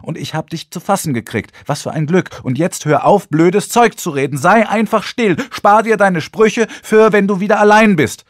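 A man reading an audiobook, voicing a blunt, sharp-tongued blind teenage girl in a raised higher voice. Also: big pitch swings, moderate pace, husky, no room sound, studio quality. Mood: angry outburst. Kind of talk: audiobook character voice.

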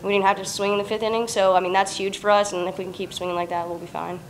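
A young woman, a college softball player, answering postgame questions in a chatty, casual way. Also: mid-range voice, flat delivery, rapid-fire. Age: young adult. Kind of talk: postgame press conference answers. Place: press conference room, indoors. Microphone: table microphone.

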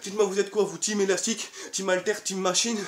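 A young man running a fitness channel coaches a leg workout from his bedroom while doing it, counting reps and pushing viewers on between breaths. He has a high voice at a quick pace, heard far off and echoey through a camera mic across the room.

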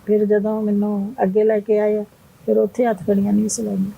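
A woman's voice: mid-range voice, monotone, a little fast, gravelly, breathy edge, narrow, tinny audio. An older woman, telling her story plainly in an interview. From Punjab. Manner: plain storytelling, retelling others' words. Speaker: interview guest. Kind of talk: emotional interview.

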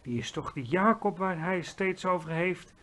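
Storybook read-aloud: man voicing little girl, quiet and plain, fairly high voice. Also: animated, normal speed. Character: young girl, calm and unsympathetic.

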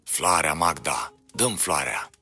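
Storybook brute, slow and booming, mocking and menacing, deep husky tone, as a narrator puts him on. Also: male voice, animated, bright, forceful tone, soft background music, full character voice. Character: menacing brutish man, voice stolen by a dragon.

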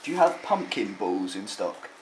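The prank caller, a young adult man, sounds lowish and sing-song, speaking at a moderate pace while politely and hesitantly posing questions with mock earnestness. Noisy amateur camcorder audio from a handheld camera nearby captures him in a dim room at home.

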